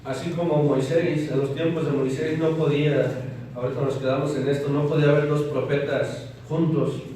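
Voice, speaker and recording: A man's voice: fairly high pitch, little pitch movement, normal speed, mellow, a little hiss or hum. A man preaching a sermon, reading scripture aloud and explaining it to the congregation. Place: church hall. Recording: very echoey hall, from far off.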